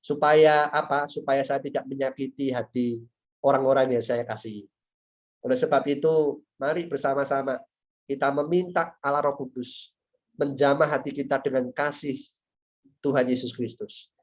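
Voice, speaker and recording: A man's voice: medium pitch, steady tone, normal speed. Man preaching with a personal story. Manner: personal storytelling, addresses listeners as "Saudara". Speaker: evangelist preaching to students. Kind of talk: sermon.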